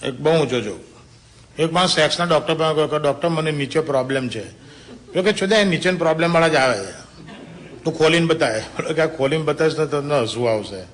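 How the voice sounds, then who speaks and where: A man's voice: a little high, lively intonation, fast talker. A man telling crude jokes in a chatty way and laughing at his own punchlines. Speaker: stand-up joke teller. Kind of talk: bawdy joke telling to a small audience.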